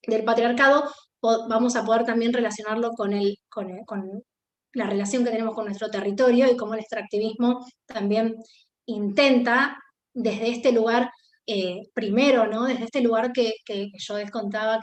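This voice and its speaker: A woman's voice: on the high side, reverberant. A woman with an Argentine Spanish accent giving a class lecture, thinking aloud with many fillers and restarts.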